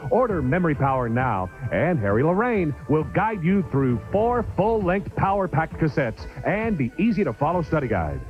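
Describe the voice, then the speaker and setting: Hard-sell male announcer, lively and high-pitched. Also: normal speed, hardly any pauses. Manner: emphatic, urging sales pitch. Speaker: infomercial announcer. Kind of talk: scripted hard-sell ad narration. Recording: dull 1990s TV audio, music behind.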